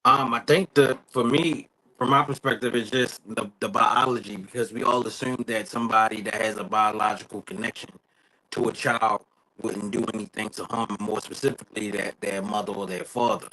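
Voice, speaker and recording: Man, remote guest, choppy breaking-up connection, lowish bright voice, faint line hiss. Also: steady tone, normal speed, poor audio. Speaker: panel guest calling in remotely. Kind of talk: casual discussion.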